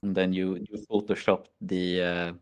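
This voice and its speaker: This deep, clean-toned voice belongs to a man from Sweden who speaks at normal speed with little rise or fall in pitch. His stream chat is loose and rambling, full of mockery and fillers such as "like" and "you know."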